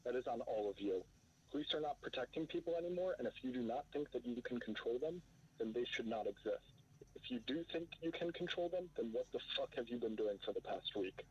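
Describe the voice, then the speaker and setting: A man's voice: mid-range voice, expressive, fairly quick, a little mellow, slightly rough. Man calling in over a muffled phone line. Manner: blunt and accusing, with a swear. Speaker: caller giving public comment. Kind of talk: read-out public comment.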